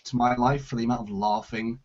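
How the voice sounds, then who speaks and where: A man's voice: mid-range voice, flat delivery, fairly quick, darkish tone, lo-fi sound, a little hiss or hum. A man hosting a casual Q&A about his series, rambling with lots of restarts. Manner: rambling, hesitant, with frequent restarts and laughs. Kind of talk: casual group chat.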